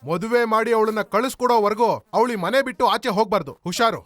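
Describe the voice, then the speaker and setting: A strict father scolds his family, voiced by a male dubbing actor. His voice is high and quick, recorded dry and close. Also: no room sound, natural voice. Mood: scolding.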